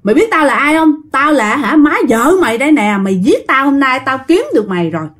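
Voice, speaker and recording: A woman with a Southern Vietnamese accent voicing the vengeful, bloodied ghost of an old mother-in-law, shrill and menacing. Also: sing-song, fairly quick. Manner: shrill, menacing, repeating threats.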